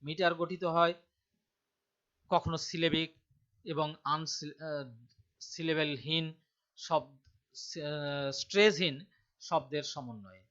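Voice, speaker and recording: A man's voice: a little high, a bit bright. Man teaching a poem. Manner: slow, emphatic reading of quoted verse lines. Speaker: literature teacher. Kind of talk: explaining a poem to students. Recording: dull lo-fi sound.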